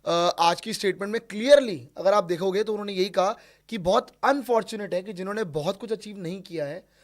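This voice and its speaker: A man co-hosting a casual cricket talk show, excitable, repeating his points and laughing as he talks. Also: high-pitched, fairly quick.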